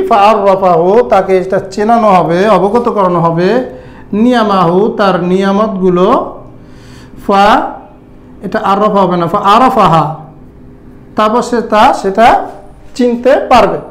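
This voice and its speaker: A man's voice: high-pitched, reverberant. A man teaching Arabic grammar in an online lesson. He explains step by step and keeps asking his students whether they follow. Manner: explains step by step, often checks "right? clear?".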